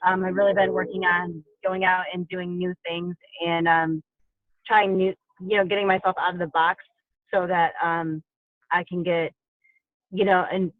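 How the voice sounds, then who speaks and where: A hoarse woman who is losing her voice, earnestly talking through her business goals on a group video call. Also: lowish voice, moderate pace, no room sound. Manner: earnest, steady, reflective. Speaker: wellness coach on a team call. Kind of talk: casual reflective talk on a group call. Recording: tinny phone-line video call.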